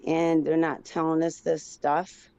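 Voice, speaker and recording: Low-voiced woman on a speakerphone. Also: little pitch movement, a little slow, dark tone, clean tone, dry recording. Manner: eager, rambling, talks in runs of clauses. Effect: speakerphone call. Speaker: phone-in guest. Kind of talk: casual chat. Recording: dull lo-fi speakerphone line.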